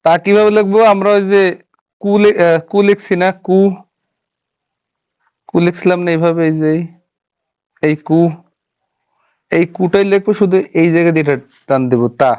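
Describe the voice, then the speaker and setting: A man's voice: high voice, normal speed, long pauses, darkish tone, smooth. A man teaching a Japanese writing class, patiently walking through each stroke step by step and checking that students follow. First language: Bengali. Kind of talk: classroom lesson. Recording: dull lo-fi sound.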